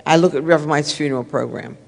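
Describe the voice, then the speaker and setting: A woman's voice: sits low, fast talker, gravelly, darkish tone. Older lady preaching, repeats herself a lot, echoey church sound. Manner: earnest, repetitive, conversational. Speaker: minister. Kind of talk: sermon-style talk to a congregation. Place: church sanctuary. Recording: reverberant church hall.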